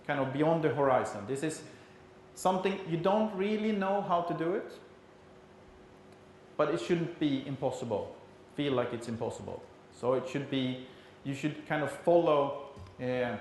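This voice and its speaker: A man from Sweden with a Swedish accent gives an explanatory conference presentation in a halting delivery, as a non-native speaker. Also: on the high side. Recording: very echoey room, faint background noise.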